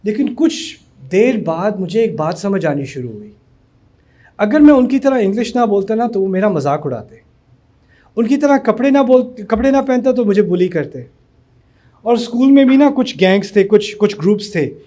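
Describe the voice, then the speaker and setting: A man from Pakistan speaks to a university audience in a loose, storytelling way. His voice sits fairly high for a man. He slips English words into the flow as he talks. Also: very animated, mellow. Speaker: speaker addressing university students. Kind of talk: motivational talk.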